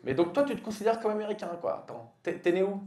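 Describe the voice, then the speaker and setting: A man in his thirties doing stand-up crowd work on a comedy club stage with a handheld mic, teasing an audience member with loud punchlines and quick asides. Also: sits high, sing-song, reverberant. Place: comedy club stage, dark curtain backdrop. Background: audience laughing.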